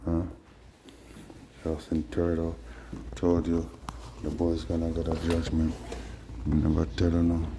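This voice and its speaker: A man speaking in Rastafarian patois, rambling casually in a drawn-out, preachy way with frequent tag phrases. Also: low voice, monotone, noisy background. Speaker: host. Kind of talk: casual rambling vlog monologue in Rastafarian speech.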